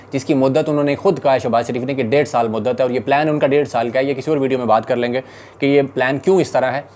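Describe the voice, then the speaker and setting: Fast-talking indignant man commentating. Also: mid-range voice, darkish tone, slight background noise. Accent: Pakistani Urdu. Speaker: political commentator.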